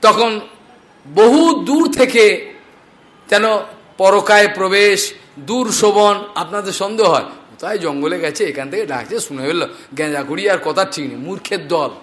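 A man telling scripture stories as a devotional preacher, animated and acting out the characters' speech. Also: sits high, moderate pace. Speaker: Bhagavata storyteller preacher.

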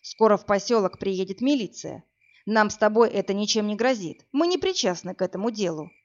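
Woman doing a calm protective man, reassuring, steady, mid-pitched, dull lo-fi recording. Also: brisk, lightly acted. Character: calm protective man, tough bodyguard type.

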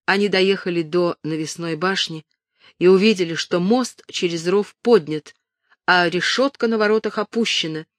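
A woman reading a historical novel aloud in steady, measured narration. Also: on the low side, no echo, studio quality. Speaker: audiobook narrator. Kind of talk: scripted narration.

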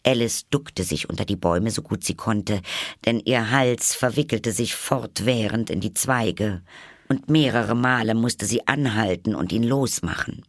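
A narrator reading a classic storybook in a slow, measured, calm way. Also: mid-range voice, no room sound, studio quality. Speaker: audiobook narrator.

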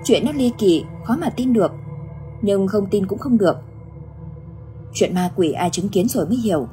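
A woman reading a ghost story aloud in an even storytelling manner. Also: mid-range voice. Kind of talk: scripted narration of a ghost story.

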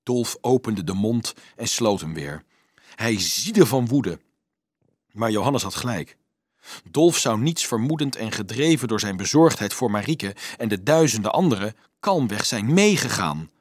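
A man narrating a storybook as an audiobook, reading in a measured, even way. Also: lowish voice, slightly rough, no echo, studio quality.

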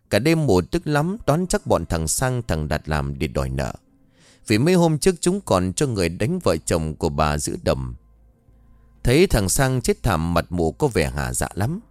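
Expressive male horror storyteller. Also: on the low side, dry recording. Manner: expressive, dramatic telling. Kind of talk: scripted horror story narration.

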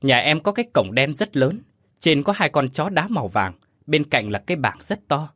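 A man voicing a whimpering seven-year-old ghost boy in a horror story, with a high, childlike pleading manner. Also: very animated, normal speed, fairly bright tone, no room sound, clean studio sound. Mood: eager.

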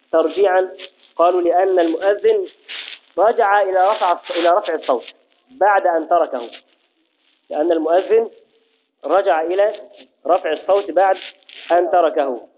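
A man teaching a classroom lesson on Islamic law, repeating key phrases slowly and asking and answering his own questions. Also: sits high. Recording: tinny phone-like audio.

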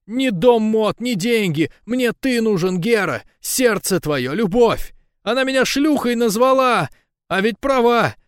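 A man reading an audiobook, voicing a jealous, tearful young woman who shouts her accusations. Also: expressive, a little slow, clear, resonant tone, no room sound, clean studio sound. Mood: tearful, pleading. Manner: shrill, accusing, breaking into shouts. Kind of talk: audiobook dialogue.

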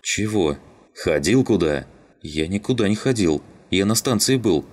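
A man's voice: expressive, unhurried. A man voicing a hot-headed young Estonian man who shrieks in outbursts. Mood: defensive. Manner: shrill, hysterical shouting.

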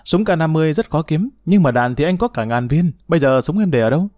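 This is a jovial young hero in a spoken storybook, calm and persuasive, taking the lead. He is voiced by the male narrator close to his own tone. The recording is dry and close-miked. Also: on the high side, quick pace, no echo, voice pushed up, lightly acted. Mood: assured. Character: confident young man, calm leader, jovial.

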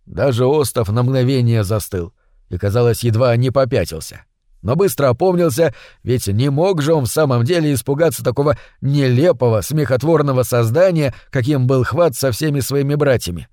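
A man narrating a fantasy audiobook in a steady, measured reading. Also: medium pitch, no echo, studio quality. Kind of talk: scripted narration.

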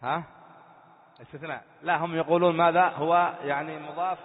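A man, a sheikh, giving a classroom grammar lesson and quizzing his students with quick questions. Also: a little high, fairly even intonation. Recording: tinny lo-fi sound in echoey hall.

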